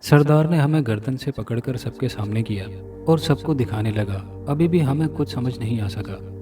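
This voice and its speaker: Male horror storyteller with loud music. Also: medium pitch, moderate pace. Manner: dramatic storytelling. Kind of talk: scripted horror story narration. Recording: narration from a distance with loud music.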